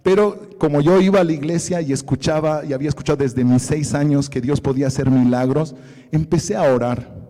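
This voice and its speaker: Bolivian guy preaching a testimony, mellow low-key voice, big echoey church hall. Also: a little fast. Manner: storytelling, quoting family in his own voice. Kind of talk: sermon testimony.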